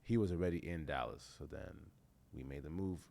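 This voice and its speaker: A man who grew up in Canada and Texas, a musician guest talking casually in an interview with a relaxed, slangy manner and frequent fillers. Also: very deep voice, brisk, gravelly.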